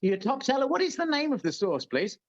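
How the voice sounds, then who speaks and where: A man's voice: extremely high pitch, sing-song, brisk, muffled recording. A British man hosting a casual chat while tasting hot sauce, boisterous, crude and joking. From Britain. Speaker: show host.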